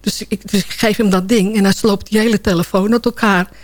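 A woman's voice: mid-range voice, fairly even intonation, a little fast, no echo. A woman delivering a comic radio column in a sardonic, chatty storytelling manner.

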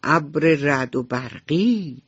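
A woman doing a slow big thunder cloud. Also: low-pitched, expressive, husky, no echo. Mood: gentle. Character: big thunder cloud, rumbling but gentle. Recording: slightly dull radio recording.

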